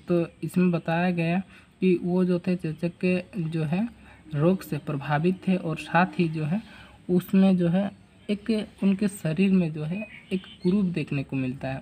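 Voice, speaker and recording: Man teaching a lesson, halting and repetitive. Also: a little high, darkish tone, slight background noise. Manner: halting, repetitive filler-heavy explaining. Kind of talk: classroom lesson explaining a text.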